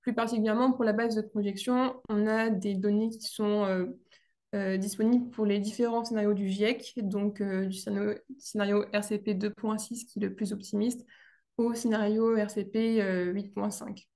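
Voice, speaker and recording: A young woman talks through her thesis in a formal academic presentation. She hesitates often, filling gaps and restarting phrases. Her voice is warm and soft-toned. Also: mid-range voice, little pitch movement, normal speed. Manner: hesitant, many fillers and restarts.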